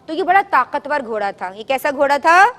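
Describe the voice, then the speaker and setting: A children's show host with a high, bright voice leads kids in call-and-response, quizzing them and coaxing them to shout their answers louder. She tells stories in a gentle, coaxing, expressive way. A long studio-hall reverb trails her voice.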